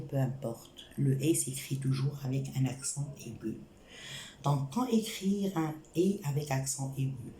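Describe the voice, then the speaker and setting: A woman teaching a French spelling lesson, speaking slowly and repeating each point and example. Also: a bass voice, dark tone. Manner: slow, repetitive, spells out examples. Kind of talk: spoken grammar lesson. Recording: echoey room with faint hiss.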